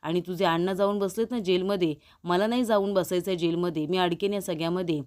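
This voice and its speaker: A woman voicing a frightened, scheming young woman in a serial recap, anxious and hurried. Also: fairly low pitch, fairly even intonation, a little mellow, natural voice.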